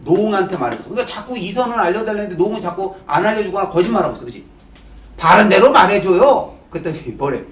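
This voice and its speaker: Very animated and pitched high, a man's voice drives a blunt, informal class lecture packed with briskly fired rhetorical questions for his students. Because the mic is far off in an echoey room, the sound is distant and reverberant.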